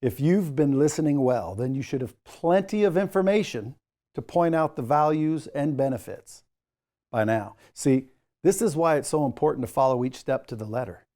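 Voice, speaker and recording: Speaking as a sales trainer and course instructor, a man with a mellow, dark-toned, medium-pitched voice coaches the learner directly. His delivery is animated and moderately paced, emphatic yet informal, with jokey asides sprinkled in.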